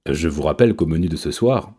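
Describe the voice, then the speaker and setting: A man's voice: a bass voice, lively intonation, a little fast, dark tone, slightly rough, heavily acted. A man voicing a pompous, grumbling old male cat who complains haughtily.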